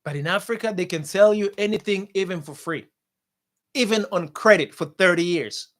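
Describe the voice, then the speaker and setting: A man hosting a talk show, giving impassioned political commentary in a forceful, repetitive way and calling his viewers guys. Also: high voice, moderate pace. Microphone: studio mic.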